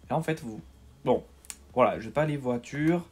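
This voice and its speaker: At a normal speed and in a mid-range voice, a man voices over a video game tutorial. He's casual and hesitant, repeating words and leaning on fillers, and pokes fun at himself throughout.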